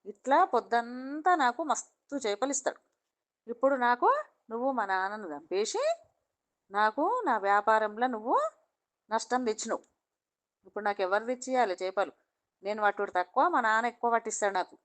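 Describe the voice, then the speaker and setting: A woman's voice: on the high side, fairly quick, pauses often, close to an everyday voice. A woman voicing an angry young male fisherman with a Telangana accent, accusing and demanding. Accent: Telangana Telugu.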